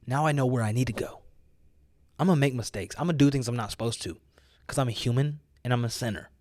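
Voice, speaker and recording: A fast-talking American man with a medium-pitched, slightly mellow voice preaches in an informal, motivational way. He urges listeners emphatically, repeats phrases for effect, and leans on casual youthful slang, heard in a clean studio recording with no room sound.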